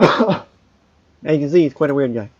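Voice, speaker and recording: A man's voice: on the high side, expressive, normal speed, highs cut off. A man hosting a let's play, reading the game's dialogue aloud and tossing in casual offhand remarks. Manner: casual, reads on-screen dialogue with offhand asides.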